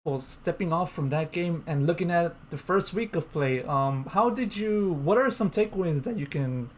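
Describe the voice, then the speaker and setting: A man's voice: fairly high pitch, lively intonation. A man with a slightly raised voice conducts a one-on-one esports interview. He rephrases his questions mid-sentence and leans on ums, with faint noise underneath. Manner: halting questions with restarts and ums.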